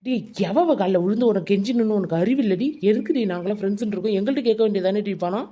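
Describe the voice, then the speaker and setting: A bold, protective village woman from a Tamil cartoon, voiced by a woman. Her voice is mellow and mid-pitched, and she talks quickly. She has a Tamil accent and a blunt, defiant manner. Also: natural voice.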